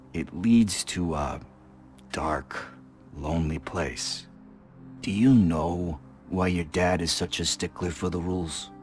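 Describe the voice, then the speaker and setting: An actor with a low voice plays a gruff, middle-aged veteran police officer in a video game. He lectures in a stern, fatherly manner.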